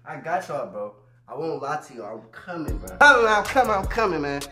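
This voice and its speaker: Sing-song and fairly high, his tone sharp and his pace fairly quick, an American man in his twenties chats casually to viewers on a slangy tour of a small, empty apartment, often repeating phrases for emphasis. The handheld camera sits a few steps away, so he's distant and off-mic, with room echo and music behind.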